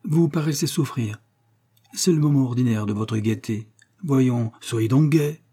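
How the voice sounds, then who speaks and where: Stern scheming host, mockingly bossy, read by a male narrator; mellow and a bit husky. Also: medium pitch, a little slow. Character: cold, scheming male host toying with an impostor. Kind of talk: audiobook character reading.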